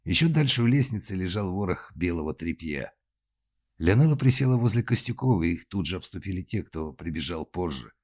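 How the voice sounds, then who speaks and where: A man narrating an audiobook in a lively, dramatic reading style. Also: deep voice, a little fast. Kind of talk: scripted narration.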